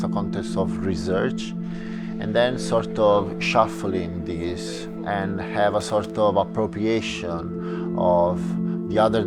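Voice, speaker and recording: A man explains a design workshop in a documentary interview. His very deep voice stays flat and measured, and loud music runs under him. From Italy. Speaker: designer, studio founder. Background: loud background music.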